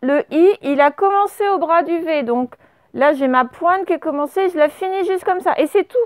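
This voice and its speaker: In a very high voice at a moderate pace, a woman who teaches primary school dictates to her class, spelling each word letter by letter. She asks questions and praises the answers, with no echo present.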